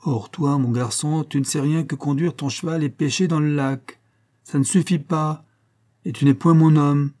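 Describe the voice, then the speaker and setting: A man reading aloud, voicing a gruff, stubborn older father who scolds and refuses curtly in a rough voice. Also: fairly high pitch, fairly even intonation, normal speed, mellow, pitched above the performer's own voice, natural voice. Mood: stubborn refusal. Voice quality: rough, growling. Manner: scolding, curt and domineering.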